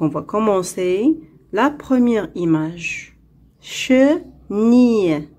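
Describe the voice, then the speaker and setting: A woman teaching a French phonics lesson, with an Arabic-speaking accent, saying each word slowly twice and counting its syllables. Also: mid-range voice, dark tone.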